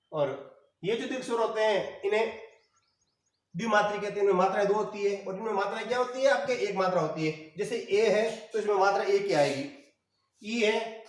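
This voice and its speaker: Male teacher, repetitive drilling lecture style; roomy, distant recording. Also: high voice. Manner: repetitive, rhetorical questions answered himself. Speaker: Hindi teacher. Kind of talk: classroom lecture. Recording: echoey room, mic far off.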